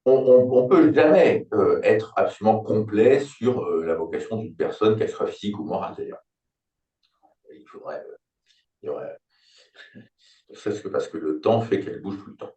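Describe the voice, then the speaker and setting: A man's voice: fairly low pitch, normal speed, pauses often, warm tone, lo-fi sound. A man in his sixties, a business consultant, explaining his thinking in a reflective, conversational way with everyday examples. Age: 60s. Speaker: business turnaround consultant, company founder. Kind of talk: conversational interview. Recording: roomy, distant mic.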